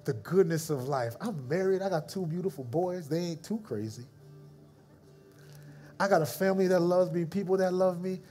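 High-voiced male pastor telling stories. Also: soft background music. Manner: animated, acts out the people in his stories; drops to a soft, slow voice for reflective moments. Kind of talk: storytelling sermon.

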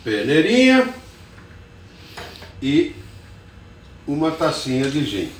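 With wild swoops in his rather high voice, an older man speaks slowly while hosting a casual live cooking show in his home kitchen, greeting viewers by name. He is recorded from afar on a phone camera, with roomy kitchen echo and a little hiss or hum.

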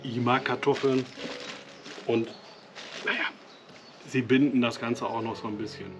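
A man from Westphalia, speaking with a Westphalian German accent, casually talks through an outdoor cooking demonstration at a camp stove, using fillers and small self-corrections. His mid-range voice has fairly even intonation and a measured pace. Music and the sizzle of cooking play in the background.

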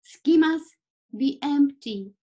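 Slow, high-voiced woman teaching vocabulary. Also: animated, mellow, low-quality recording. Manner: clear deliberate word-by-word pronunciation. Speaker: Japanese teacher. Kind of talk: slow vocabulary drill lesson.

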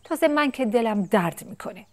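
A high, childlike little bird chick from a children's storybook, timid and whiny, as a woman storyteller puts it on. Its voice jumps well above her usual register and pleads with every line. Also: animated, natural voice. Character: small timid bee-eater chick, whiny.

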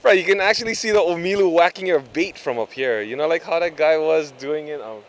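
A man filming a hike, talking in an excited, slangy way and exclaiming often, on a seaside cliff outdoors, recorded on a handheld camera mic. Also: a little high, a little fast, low-quality recording. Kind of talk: casual hiking vlog chat. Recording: loud wind noise on camera mic.

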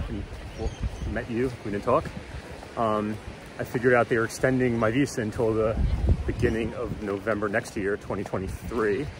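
A man's voice: medium pitch, noisy background. A man chatting casually outdoors by the beach, with a dry, teasing manner. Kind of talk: casual chat.

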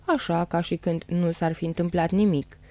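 A calm, commanding male ship captain who gives firm, clear orders, as a woman reads him aloud. The voice is low and warm, with a dry, close sound. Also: no echo, natural voice.

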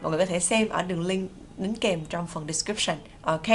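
A woman from Vietnam teaching an online English lesson in a friendly way, slowly repeating English phrases for learners to copy. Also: lowish voice, faint music behind. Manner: friendly, slow drilled repetitions of English phrases.

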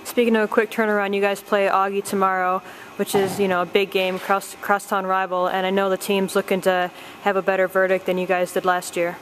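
A woman's voice: mid-range voice, level tone, brisk, slight background noise, low-quality recording. A woman interviewing a coach, asking postgame questions evenly with "you know" fillers.

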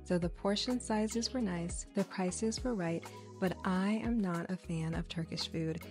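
A woman's voice: fairly low pitch, measured pace, a little mellow. Woman, travel vlog narrator, casual chatty read over faint music. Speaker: travel vlogger.

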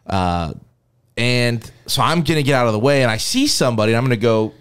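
A man co-hosting a casual sports podcast with a smooth, resonant voice at a middling pitch. He tells stories animatedly, drops the odd curse and laughs at himself. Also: very animated, a little fast, a bit bright. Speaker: podcast co-host.

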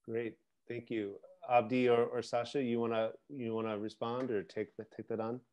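A man's voice: mid-range voice, flat delivery, moderate pace, darkish tone. A man in his forties moderating a panel over a video call from a home room, asking questions with many restarts and fillers. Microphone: video call, computer mic.

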